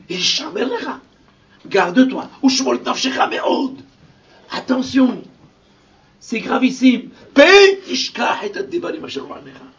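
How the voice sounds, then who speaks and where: A man giving an impassioned sermon as a rabbi, dropping to whispers and rising to shouted verses. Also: very high-pitched, vocal fry. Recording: distant lo-fi recording.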